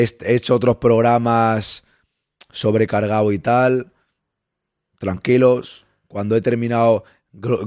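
A man, hoarse and losing his voice, hosting a live-stream podcast and chatting casually, greeting listeners and reading their messages aloud. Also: lowish voice, darkish tone, dry recording, clean studio sound.

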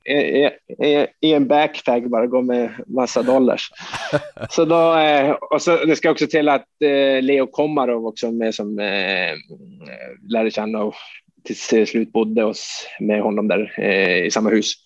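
A man's voice: medium pitch, lo-fi sound. A man from Sweden, a hockey player guest, telling a long anecdote in a loose, rambling way with lots of fillers and casual swearing.

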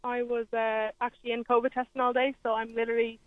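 Fast-talking Irish woman on a muffled phone line. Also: fairly high pitch, level tone, dry recording. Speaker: radio phone-in caller, lab scientist. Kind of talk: casual chat. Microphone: phone call to radio.

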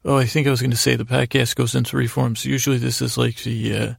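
On this sleep podcast, a middle-aged host speaks in a mid-range voice that is gravelly and creaky, delivered flatly and recorded close-up without any echo. He drifts through a goofy bedtime ramble, stumbling along, circling back to the same points, dropping thoughts halfway, and tossing in absurd little asides.

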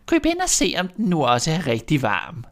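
Male reader doing a shrill, sly old storybook witch, impatient and scolding. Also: huge pitch swings, fairly bright tone. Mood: sly, scornful. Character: cruel old female witch, child-eating.

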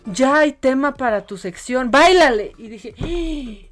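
A woman's voice: sits high, animated, moderate pace, over music. A Mexican woman co-hosting a show, chatting and telling stories with playful banter. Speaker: co-host. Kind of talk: casual chat.

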